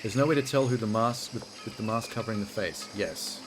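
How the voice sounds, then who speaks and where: Over background game music, a man with a lowish voice talks fairly quickly as he plays through a video game. He reads the on-screen text aloud and comments casually and bluntly. Exasperated reactions and blunt asides run throughout.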